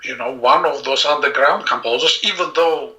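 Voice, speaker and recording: A middle-aged man, a composer being interviewed, speaking reflectively with many pauses and restarts. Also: medium pitch, pushed and bright, highs cut off. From Azerbaijan. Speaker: composer and pianist guest. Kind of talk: casual interview talk.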